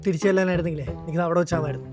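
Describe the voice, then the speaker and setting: A man's voice: on the high side, fairly even intonation, rapid-fire, lightly acted. An actor playing a cheeky young man who bickers in teasing, mock-insulting banter in a short drama, with music behind. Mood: apologetic. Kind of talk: Malayalam short drama acting. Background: background music.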